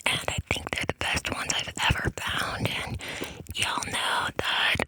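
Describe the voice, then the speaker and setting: A woman giving a softly whispered, breathy ASMR ramble as a channel host, close on a binaural microphone, with an affectionate, playful way of talking. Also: a little slow, rough recording. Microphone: close binaural microphone with silicone ears.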